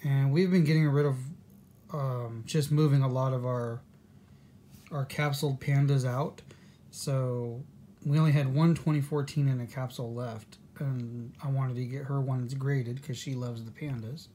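Relaxed, rambling man chatting on camera. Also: mid-range voice, moderate pace, a little hiss or hum. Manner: relaxed, rambling, thinks aloud with restarts. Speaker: coin-collecting vlogger, co-host with his wife. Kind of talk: casual chat.

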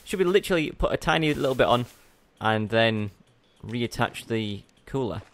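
A man's voice: medium pitch, expressive, moderate pace. Rambling young man narrating gameplay. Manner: rambling, self-correcting, chatty. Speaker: let's play host. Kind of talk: casual gameplay commentary.

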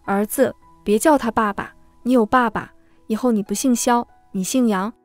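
A defiant, spiteful wife snaps back in a higher voice, as a woman reads her lines. The sound is dry and close, with soft music low in the background. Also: fairly even intonation, normal speed, dry recording, lightly acted. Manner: indignant, spiteful. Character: furious, defiant cheating wife. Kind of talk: storytelling read-aloud.

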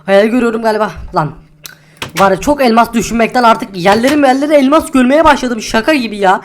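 A woman's voice: a little high, fast talker, slight background noise, natural voice. A woman voicing a greedy, hot-tempered male diamond miner in a game role-play, who curses and grumbles and repeats himself over and over. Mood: frustrated. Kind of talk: Minecraft role-play acting.

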